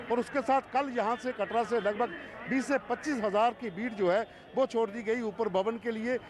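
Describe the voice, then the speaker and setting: Male field reporter amid a loud crowd. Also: sits high. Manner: emphatic, explanatory. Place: outdoors at a busy pilgrimage town. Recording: outdoor crowd noise.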